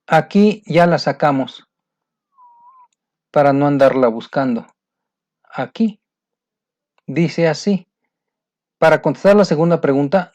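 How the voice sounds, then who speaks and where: Slow, patient Mexican-Spanish teacher. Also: male voice, on the high side, darkish tone. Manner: patient, talks the student through each step, repeats "mira". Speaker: English exam teacher. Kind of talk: teaching lesson explained in Spanish. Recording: dull lo-fi sound.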